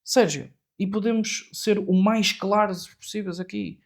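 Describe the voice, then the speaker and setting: This podcast host is a man in his forties with a European Portuguese accent and a high-pitched voice with vocal fry. His intonation stays fairly even and his pace is unhurried, yet he presses his points emphatically with questions in a casual chat.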